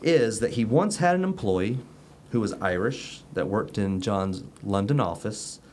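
A man's voice: on the low side, lively intonation, unhurried, darkish tone, a little hiss or hum. A man hosting a casual chat show, joking and rambling with fillers. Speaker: host.

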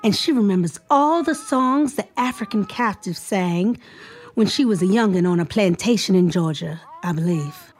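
In an audio drama, an actress plays an eager, spirited young writer seeking patronage, sounding polite, earnest and persuasive. Her medium-pitched voice has lively intonation at a normal speed, with light acting.

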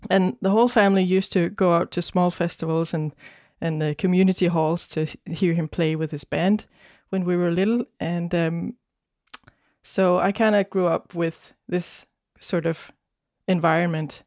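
A woman from Denmark, a guest musician in an interview, speaking thoughtfully with frequent pauses and fillers. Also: on the low side, fairly even intonation, a little mellow, no echo, studio quality. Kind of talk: casual interview chat.

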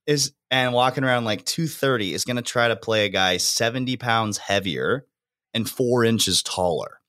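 A man's voice: mid-range voice, normal speed, bright, forceful tone. A young man hosting a fitness podcast in casual, slangy chat, laughing often. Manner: laid-back, laughing, slangy.

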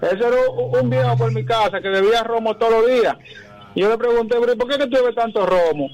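A man's voice: extremely high pitch, fast, darkish tone, poor audio. A Dominican man telling jokes on a live radio show, setting each one up step by step. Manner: sets up jokes step by step with quoted voices. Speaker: joke teller on radio.

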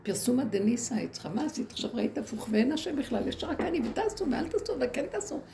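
Woman rebbetzin addressing women, lively storyteller with a gravelly edge; noisy live capture. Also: sits high. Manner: animated, acts out quoted people. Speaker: rebbetzin teaching a women's group. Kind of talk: storytelling talk to an audience. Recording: noisy room recording.

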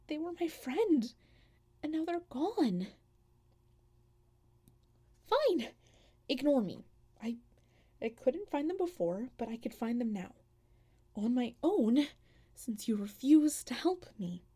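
A woman's voice: high-pitched, very animated, takes it slowly, long pauses, mellow, breathy edge, heavily acted. A woman as a stammering, pleading realm guardian. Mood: pleading, broken. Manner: pleading, stammering, slips into whispers. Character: anguished guardian who returns lost people home. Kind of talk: audio drama monologue.

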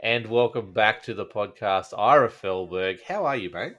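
A man's voice: fairly low pitch, expressive, moderate pace, a bit bright. An Australian man hosting a podcast in a casual, chatty style. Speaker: podcast host.

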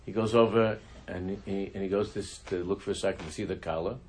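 A man teaching a religious class, telling a story in a halting way, often restarting his sentences. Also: deep voice, steady tone, darkish tone, a little hiss or hum. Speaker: Torah teacher.

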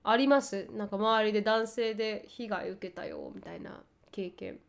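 A woman's voice: mid-range voice, normal speed. A woman co-hosting a casual podcast chat who walks through news stories at length and reads out quotes. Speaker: podcast co-host.

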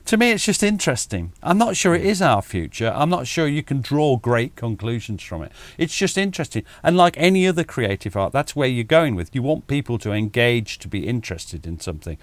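A middle-aged man talks over a video call, his pitch leaping up and dropping away as he warms to a point. He restarts his sentences often and chuckles at himself. The sound is close and dry, with no room around it. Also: a little fast, hardly any pauses, no room sound. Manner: animated, self-deprecating, chuckles often, frequent restarts. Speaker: military historian, podcaster, guest.

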